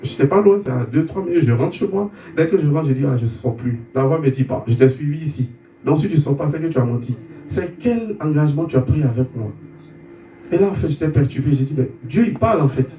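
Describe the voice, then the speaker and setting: Man telling his story, warm tone. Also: fairly high pitch, expressive, a little fast. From Côte d'Ivoire. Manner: stumbling repetitions, re-enacting dialogue. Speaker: guest giving a testimony. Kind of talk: conversion testimony, storytelling. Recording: roomy sound, distant mic, faint background hum.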